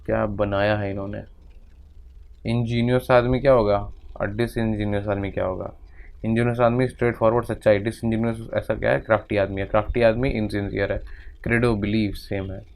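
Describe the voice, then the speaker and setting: A man's voice: on the low side, level tone, a little fast, vocal fry, a little mellow. A man teaching English vocabulary in Hindi, working through a vocabulary exercise aloud and murmuring word lists half to himself.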